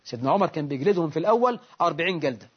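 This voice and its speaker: A man with an Egyptian accent giving a religious lesson, reading classical texts and breaking into lively colloquial explanations. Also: on the high side, racing, slightly rough. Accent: Egyptian Arabic. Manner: animated, dramatizes quotes, Egyptian asides explaining classical text. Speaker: religious teacher. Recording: dull lo-fi recording.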